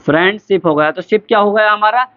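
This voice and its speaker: A man teaching English grammar to students in a classroom-style lesson. He asks questions and answers them himself, calls the students "beta", and spells words out slowly letter by letter. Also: sits high, pushed and bright. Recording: tinny phone-like lo-fi recording.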